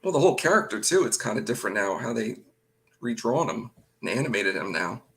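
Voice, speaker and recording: An easygoing man with a gravelly, mid-pitched voice chats casually. He mostly agrees and hedges his opinions. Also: very animated, a little fast, a bit bright. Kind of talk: casual chat.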